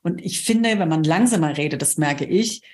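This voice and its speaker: A woman hosting a podcast, chatting casually and often adding quick tag questions. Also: low voice, expressive, a little mellow. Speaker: podcast host. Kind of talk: casual interview chat.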